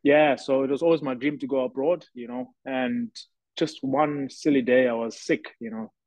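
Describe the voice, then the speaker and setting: As a guest on a podcast, a South African rugby pro recounts his experiences earnestly and reflectively. His medium-pitched voice stays steady, a little mellow, at a normal speed, and the dry, slightly dull lo-fi recording has no echo.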